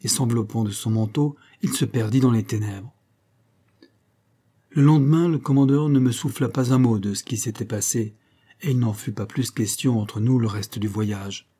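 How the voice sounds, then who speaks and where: A man reading a classic story aloud in a measured, even narrating manner. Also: mid-range voice, breathy edge. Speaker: audiobook reader. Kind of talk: scripted literary narration.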